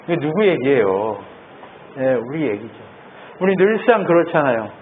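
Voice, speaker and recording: A male pastor giving a sermon, talking in a lively way and asking the congregation questions. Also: mid-range voice, normal speed. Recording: tinny phone-like sound, faint noise.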